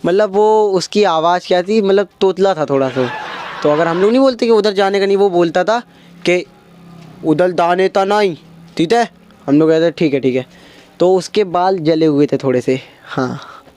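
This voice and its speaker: High-voiced young man telling a comic story. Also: moderate pace. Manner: animated storytelling, acting out friends' lines. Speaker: stand-up comedian. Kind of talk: stand-up storytelling.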